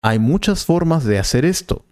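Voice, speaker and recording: Calm male professor voiced by a man for a scripted teaching dialogue: patient, slow, dry studio read. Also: fairly high pitch, no room sound, natural voice. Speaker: Spanish teacher.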